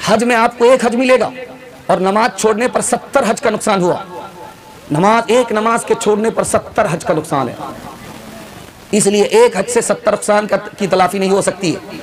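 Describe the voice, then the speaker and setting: A man's voice: high voice, rough recording. A man preaching a sermon at a mosque gathering, fervent and repetitive, calling the crowd to raise hands. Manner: fervent, repeats lines, sings verses slowly.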